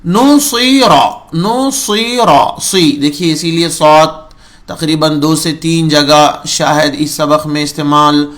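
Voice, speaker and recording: High-voiced man teaching Quran pronunciation. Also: completely flat delivery, a bit bright. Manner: slow drawn-out syllables, repeats sounds to model pronunciation; patient, instructive. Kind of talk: recorded recitation lesson. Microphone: recording for remote students.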